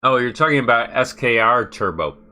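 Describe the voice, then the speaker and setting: A man hosting a casual tech livestream from his workshop table, talking haltingly with many fillers. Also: mid-range voice, expressive, bright, forceful tone.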